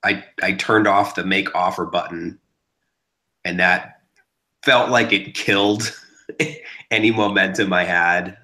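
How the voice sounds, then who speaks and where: A man with a very deep voice that still carries a bright, forceful edge, joining a casual stream chat. He talks slowly and hesitantly, filling his gaps with ums. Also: steady tone. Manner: hesitant, many ums and pauses. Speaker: guest dropping in on a stream.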